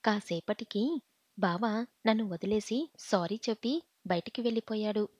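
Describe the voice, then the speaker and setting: A woman narrating a first-person story as an audiobook reader, in a steady, earnest way. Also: mid-range voice, a little slow, no echo. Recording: slightly muffled home audio.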